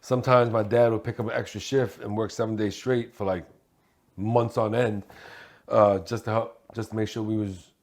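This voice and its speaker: A man's voice: fairly low pitch, little pitch movement, moderate pace. A man, a guest talking casually in an interview in a streetwise way, often laughing. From Hong Kong. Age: 40s. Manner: streetwise, laughs while telling stories.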